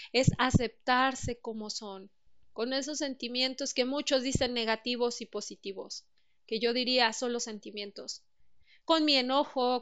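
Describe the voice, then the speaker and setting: With a Mexican accent and a high, fairly bright voice, this woman gives an earnest motivational talk on emotional wellbeing. The tone is clean, and she addresses the listener with direct questions.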